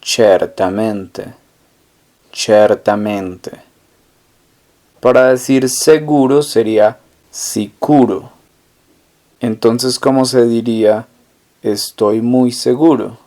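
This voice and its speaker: Male language tutor, unhurried delivery, middle-pitched voice, poses a phrase then repeats the answer. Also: steady tone, dark tone. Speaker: language teacher. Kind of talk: slow, deliberate language lesson narration.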